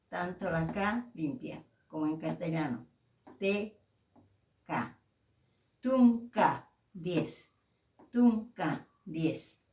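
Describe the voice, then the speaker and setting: A woman teaching a language lesson, saying each word slowly and repeating it several times to show how it is pronounced. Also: fairly low pitch. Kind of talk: slow pronunciation lesson. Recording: echoey room, voice from far off.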